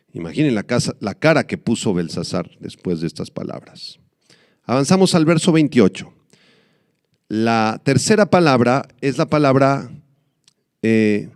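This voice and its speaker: A pastor preaching a sermon, explaining slowly and repeating key words for emphasis. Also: male voice, mid-range voice, darkish tone, no room sound, clean studio sound. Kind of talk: sermon teaching.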